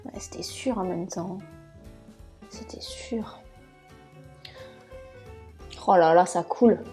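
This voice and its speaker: Warm and on the low side, this woman takes her time as she hosts a live cooking stream with faint music playing. Putting on a southern French accent, she chats and thinks aloud while working in her kitchen, frequently laughing at her own slip-ups.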